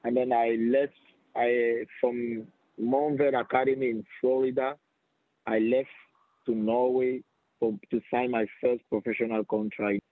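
A man's voice: medium pitch, flat delivery, measured pace, no room sound, narrow, tinny audio. A young man in his twenties from Cameroon, a soccer player guest on a podcast, speaking hesitantly with many fillers. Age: 20s. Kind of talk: podcast interview.

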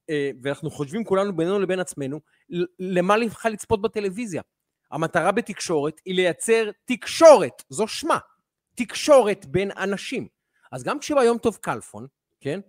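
A man's voice: high voice, no echo, clean studio sound. A man, a TV journalist, speaking in an impassioned, argumentative opinion monologue on a podcast, emphatic with frequent hesitations and restarts. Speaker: TV journalist and interviewer.

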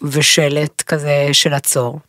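A middle-aged woman co-hosting a podcast in casual chat, rambling, emotional and quick to joke. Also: low voice, flat delivery, a bit bright, no room sound, clean studio sound. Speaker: podcast co-host.

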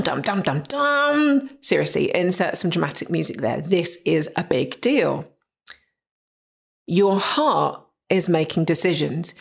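Woman, podcast host, low voice, raspy, enthusiastic and emphatic. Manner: enthusiastic, emphatic, asks rhetorical questions. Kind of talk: solo podcast explainer.

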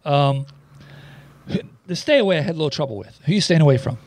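A man's voice: on the high side, lively intonation, fast. A man hosting a podcast, talking in a loose, chatty way with plenty of ums. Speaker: podcast host. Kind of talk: casual podcast chat.

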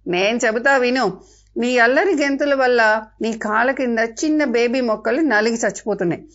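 A woman voicing a bossy young girl who scolds sharply in a high voice. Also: moderate pace, a bit bright, close to an everyday voice. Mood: scolding. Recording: dull lo-fi with faint music.

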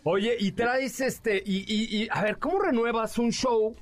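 A man's voice: extremely high pitch, a little slow. A middle-aged man with a Mexican accent, hosting a casual radio interview with teasing banter. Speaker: radio host. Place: radio studio booth.

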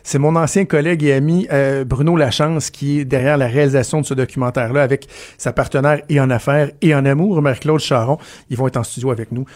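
A man with a Quebec French accent, hosting a radio show and chatting casually with animated storytelling. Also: mid-range voice, fast. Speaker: radio host. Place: radio studio.

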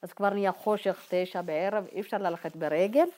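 A woman from Ethiopia telling her own life story to a group in a halting, informal way, full of fillers and re-enacted dialogue. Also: mid-range voice, fairly even intonation, dark tone. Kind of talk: personal testimony told to a group.

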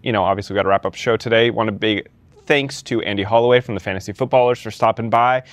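A man co-hosting a podcast, recapping shows in a relaxed, casual way. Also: fairly low pitch, quick pace, dry recording. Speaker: podcast co-host.

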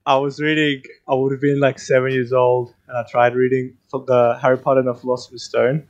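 A man's voice: mid-range voice, flat delivery, fairly quick, lo-fi sound. A man co-hosting a radio show, telling a story in casual chat with lots of "like" fillers. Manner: rambling, many "like" fillers.

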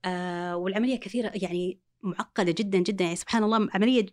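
A woman's voice: mid-range voice, rapid-fire. A woman, explaining reading step by step with examples as a guest. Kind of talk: explanatory talk show chat.

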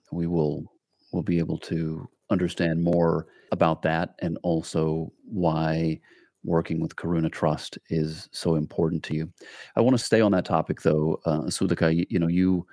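A man hosting an interview podcast, asking measured, probing questions. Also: low voice, a little mellow, dry recording, clean studio sound. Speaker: podcast host.

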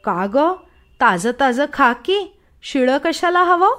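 A woman voicing a loud, kindly, fussing mother in a storybook, with shrill exclaiming speech. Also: big pitch swings, slow, soft background music, exaggerated voice. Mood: coaxing.

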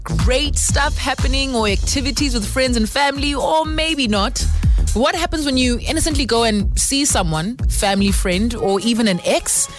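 A woman's voice: high-pitched, moderate pace. South African woman radio host over music. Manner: sympathetic, encouraging, addresses listeners directly. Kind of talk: conversational radio phone-in hosting.

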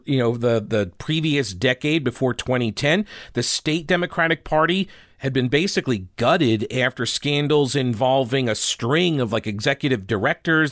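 Slightly hoarse male talk show host. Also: fairly high pitch, fairly bright tone, dry recording, studio quality. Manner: informal, opinionated. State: slightly harsh, hoarse voice from pollen. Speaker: radio and podcast host. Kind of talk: conversational talk show monologue.

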